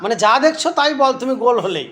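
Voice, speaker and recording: A woman playing with her toddler at home, asking simple questions again and again and gently scolding with tutting sounds. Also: fairly high pitch, big pitch swings, fast, a little hiss or hum. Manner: repeats simple questions over and over. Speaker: parent filming her toddler. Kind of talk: playful coaxing talk to a toddler.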